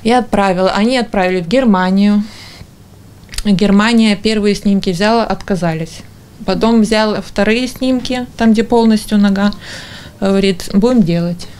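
Woman, forties, mid-pitched voice, halting broken phrases, informal interview account. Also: steady tone, darkish tone, clean tone. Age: 40s. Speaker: injured interviewee. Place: small indoor kitchen. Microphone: handheld or stand TV microphone before her.

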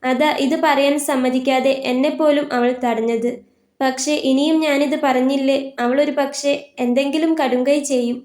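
A woman's voice: sits high, fairly even intonation, normal speed, darkish tone, close to an everyday voice. A woman voicing a caring young woman friend who speaks earnestly and coaxingly, in a roomy recording. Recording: roomy echo.

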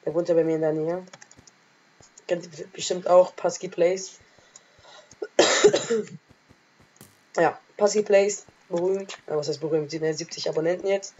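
A woman casually commentating her own game as a let's play gamer, trash-talking excitably, with a sore throat and frequent coughs. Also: fairly low pitch, unhurried, long pauses, breathy edge, muffled recording.

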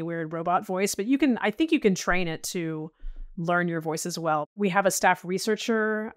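A woman's voice: fairly low pitch, clean tone, no echo, clean studio sound. A middle-aged woman talking casually as a podcast guest, chatty, with frequent restarts and "you know"s. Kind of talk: casual interview chat.

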